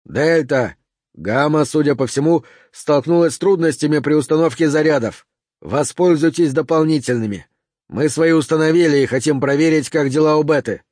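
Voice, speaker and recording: A man's voice: on the high side, normal speed, darkish tone, no room sound, studio quality, lightly acted. A man voicing a male special-forces commander who gives clipped orders over a radio. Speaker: radio team leader.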